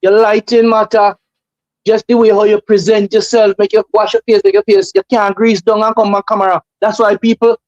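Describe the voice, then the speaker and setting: A man's voice: sits high, level tone, fairly quick, a little mellow, dry recording, dull audio. A man with a Jamaican accent talking casually and emphatically as a guest on a talk show, repeating phrases to drive his opinions home.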